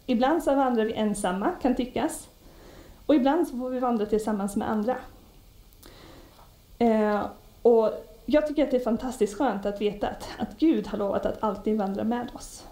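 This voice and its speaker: A woman preaching a sermon in a conversational storytelling way, often pausing with hesitations. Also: on the high side, mellow. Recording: echoey room.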